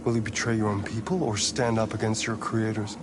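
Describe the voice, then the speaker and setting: An actor playing a calm, cerebral, manipulative man in a video game, speaking in a measured, philosophical way. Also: fairly low pitch, lightly acted. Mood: calm, probing. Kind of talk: dramatic video game acting. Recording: loud ambient noise behind voice. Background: loud ambience.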